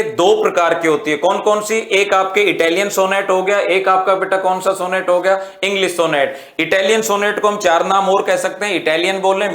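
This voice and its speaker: Male teacher, high pitch, exam-prep lecture, rhetorical questions, Hindi with English terms. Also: a bit bright, roomy sound. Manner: quizzes students with rhetorical questions, calls them "beta".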